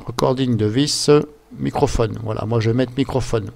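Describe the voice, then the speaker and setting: Recorded through a computer mic, this mid-range male voice is creaky and a little mellow, with fairly even intonation and a moderate pace. He rambles hesitantly through an improvised, informal screen-share tutorial, leaning on fillers as he goes step by step.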